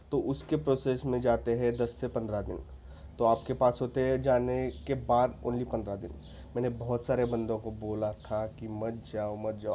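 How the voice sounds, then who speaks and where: A vlogger with a mid-range, dark voice gives visa advice straight to camera in a casual, earnest, insistent way. He often restarts and keeps tagging sentences with "ठीक है," meaning "okay." A little hiss or hum sits under the audio.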